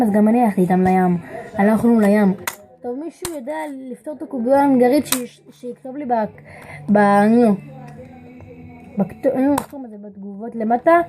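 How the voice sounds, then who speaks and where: A girl in her early teens chatting casually to the camera in a home video, often searching for words and getting excited. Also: on the high side. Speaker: vlogger. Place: home bedroom.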